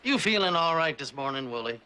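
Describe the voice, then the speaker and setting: A man's voice: fairly high pitch, big pitch swings, fairly quick, noisy background. A man playing a wary, sardonic old prospector in a TV western, with a folksy, wry manner. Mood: matter-of-fact. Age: older. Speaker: actor in a TV western. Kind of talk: TV western drama acting.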